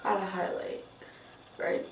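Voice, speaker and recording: Drunk girl doing makeup tutorial, talks slow in little fragments, mic kinda far away w noise. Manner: drunk, rambling in short fragments. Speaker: makeup vlogger. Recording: roomy echo, distant mic, noisy.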